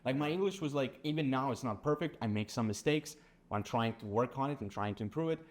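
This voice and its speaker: Telling his sales stories with animated energy, this young co-founder of a sales agency speaks quickly in a mid-range voice. He's from Serbia, has a Serbian accent, and keeps the business chat casual, sprinkling in "bro" and "like" constantly.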